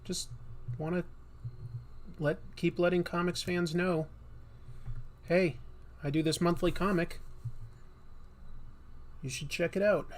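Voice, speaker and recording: This livestream host and comic artist has a high, slightly nasal voice with fairly even intonation, taking things slowly and pausing often. He draws during a casual comics stream, chatty and rambling, with many fillers and restarts.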